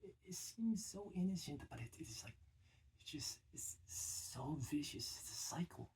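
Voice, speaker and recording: A man's voice: a little high, lively intonation, a little slow, a little mellow. A man with a put-on Scottish accent gives a mock-serious comic warning, filling it with "you know" and dropping into whispers. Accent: put-on Scottish, attempted. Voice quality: very breathy. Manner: grave warning tone, heavy "you know" fillers, drops into whispers. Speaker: comedy sketch performer.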